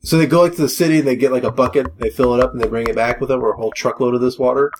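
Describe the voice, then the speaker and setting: A man's voice: medium pitch, racing, noisy background. A man co-hosting a beer review, chatting casually in a rambling way full of "like" and "you know". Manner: rambling, filler-heavy, animated. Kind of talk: casual chat.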